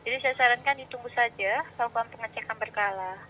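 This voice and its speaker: A woman's voice: on the high side, fast, sharp tone. A woman in a polite, formal customer service voice, working through scripted help on a call. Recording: phone call recording with clear background noise.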